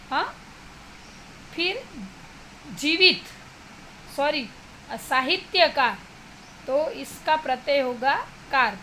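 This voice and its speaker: A woman with a Gujarati accent, teaching Hindi and explaining an exercise to students slowly and steadily, slipping English words into her Hindi. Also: high-pitched, pushed and bright, slight background noise, poor audio.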